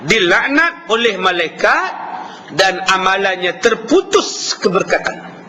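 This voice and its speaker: A man preaching a lively sermon with a Malaysian Malay accent, acting out dialogue with shifting voices. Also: high voice, slow. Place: mosque hall. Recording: reverberant hall with faint background noise.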